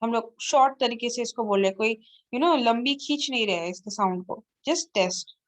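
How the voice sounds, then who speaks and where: A woman's voice: a little high, moderate pace. A woman with an Indian accent teaching an online lesson, explaining patiently and spelling words out letter by letter. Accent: Indian English. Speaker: English teacher. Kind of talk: online lesson mixing Hindi and English.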